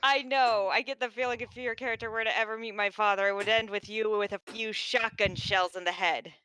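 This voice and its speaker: A woman's voice: medium pitch, steady tone, brisk, pushed and bright, clean tone, no room sound, rough recording. A woman player in a tabletop role-play game, talking in a wry, tired way with frequent sighs.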